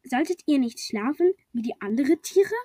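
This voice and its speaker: A woman's voice: sits high, expressive, normal speed, dark tone, no room sound. A woman playing a tired old mole. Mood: scolding. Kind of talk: children's storybook reading.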